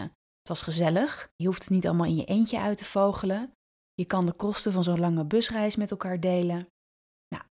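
A woman podcast host telling a personal story in an intimate, vivid way, slowing and drawing out her phrases and dropping into soft asides. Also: mid-range voice. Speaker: podcast host and brand strategist.

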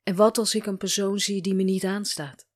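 A weary, guarded woman in an audio story, talking quietly and haltingly as she opens up to a counsellor, read by a woman narrator in her own voice. Her pitch sits in an ordinary middle range, and her tone is resigned rather than dramatic. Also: fairly even intonation, lightly acted.

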